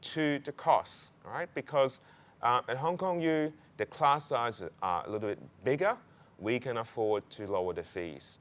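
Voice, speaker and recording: A man's voice: mid-range voice, a bit bright. A man giving an informational presentation to prospective students in a conversational, emphatic way, often adding short tags like right and okay. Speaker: law program presenter.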